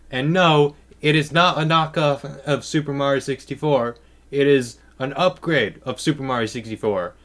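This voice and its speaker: A man's voice: mid-range voice, fairly bright tone. A teenage boy giving casual, rambling let's-play commentary as the host of his gaming channel, swearing and exclaiming as he goes. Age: teens.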